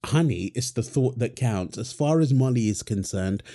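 A voice actor in a wholesome audio roleplay plays a young father feeding his baby daughter, teasing her playfully and laughing often. His mid-range, mellow voice is animated but close to everyday speech, at normal speed.

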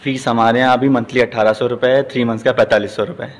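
Brief: middle-aged male gym owner, plain and steady, echoey gym hall. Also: mid-range voice, quick pace. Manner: plain, steady answers with frequent "ji". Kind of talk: news interview. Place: large indoor gym. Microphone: handheld news mic. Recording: long hall reverb, faint noise.

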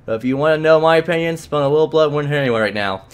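A man's voice: on the high side, rapid-fire, clean tone, pitched above the performer's own voice, close to an everyday voice. A man voicing a sly, bloodthirsty female spirit companion who coaxes her master in a doting, purring way while reading a game's dialogue aloud. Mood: coaxing. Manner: purring, coaxing, calls him sweetie.

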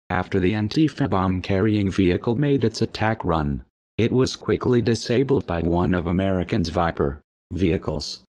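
A man with a disguised deep voice reading an anonymous message as scripted narration, grave and steady.

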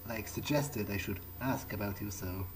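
Over video game music, a gamer speaks in character as he plays, improvising hesitant, musing commentary. His voice is lowish and moderately paced, and the rough recording carries slight background noise.

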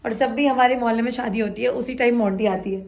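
A woman's voice: a little high, fairly even intonation, fast talker, darkish tone. Young woman vlogger, chatty and teasing. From Uttarakhand, India. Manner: chatty and teasing, addresses viewers directly. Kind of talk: casual vlog chat. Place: at home and around the neighborhood.

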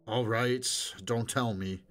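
A man's voice: mid-range voice, steady tone, slow pace, soft background music, close to an everyday voice. A man voicing a curt, weary scavenger who speaks wryly to his wife. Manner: curt, wry, mumbling.

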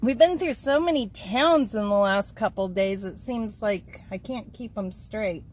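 A woman's voice: mid-range voice, unhurried, breathy edge. A woman hosting a casual travel vlog, chatty, filming herself on a handheld phone. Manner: chatty, coos at the dog. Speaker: vlog host. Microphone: handheld phone camera. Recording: noisy phone recording.

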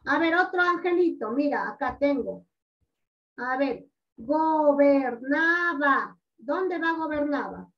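A woman with a high voice teaches young children over a video call, patient and coaxing as she stretches out words for them. Her voice sits a little far from the mic and comes through dull and lo-fi. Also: animated, a little slow. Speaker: primary school teacher. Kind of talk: online class teaching. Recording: dull lo-fi audio, distant from mic.

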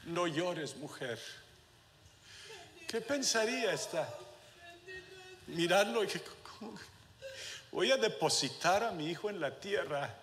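A male pastor preaching a sermon, moving between quiet asides and shouted passages, with English phrases dropped in. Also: sits high, lively intonation, slow pace, long pauses. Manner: swings from soft to shouted preaching, with asides to the congregation. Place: church sanctuary. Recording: reverberant church hall with faint room noise.

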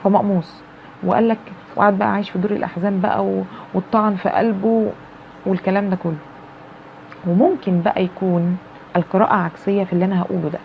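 A woman's voice: mid-range voice, level tone, fast, gravelly, pauses often. A woman with an Egyptian accent giving a casual tarot reading, chatty and acting out the quoted lines of the people she describes. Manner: chatty, acts out quoted dialogue in shifting tones. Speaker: tarot reader. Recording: dull lo-fi sound with faint background noise.

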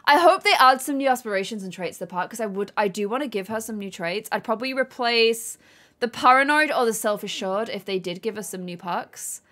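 A young woman chatting excitedly while live-streaming a game, laughing often. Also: on the high side, a little fast.

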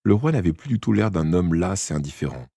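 Deep, husky man reading a storybook. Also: a little fast, no room sound, studio quality. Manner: expressive reading with small slips and self-corrections. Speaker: audiobook narrator. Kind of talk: reading an audiobook on a live stream.

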